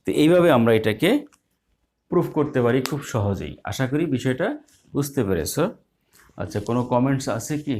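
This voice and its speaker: A man's voice: mid-range voice, sing-song, a little fast, pauses often, a little mellow, slight background noise. A man teaching a math lesson live online, explaining step by step in a patient way with small hesitations.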